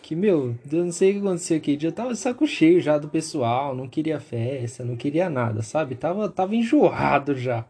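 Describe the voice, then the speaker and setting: A young man, co-hosting a podcast in a relaxed, teasing way. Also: fairly high pitch, fairly quick, hardly any pauses, breathy edge. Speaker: podcast co-host. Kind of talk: casual podcast chat.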